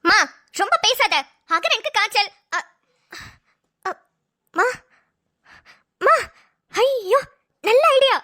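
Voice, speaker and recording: A defensive young mother from a family cartoon who snaps back at every remark, as a woman voices her. The voice is very high and bright, and she argues quickly and sharply. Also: expressive, heavily acted. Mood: argumentative. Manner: snappy, argumentative. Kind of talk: cartoon voice acting.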